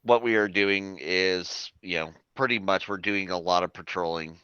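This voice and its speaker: Casting: man running a tabletop game, low, forceful voice, dry dull recording. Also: moderate pace, clean tone, no room sound. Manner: rambling, many fillers. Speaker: game master.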